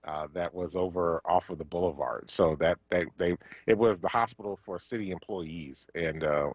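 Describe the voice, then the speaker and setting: Male radio co-host from Philly, deep voice, loose and hesitant delivery, dry studio mic. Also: no room sound, muffled recording. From Philadelphia. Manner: halting, many fillers, warm thanks. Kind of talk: casual radio talk. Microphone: studio microphone.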